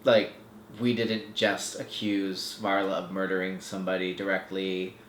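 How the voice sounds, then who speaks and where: A man's voice: low-pitched, flat delivery, measured pace, reverberant, slight background noise. Sarcastic man recapping a film. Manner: sarcastic, acts out the characters. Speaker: film podcast host.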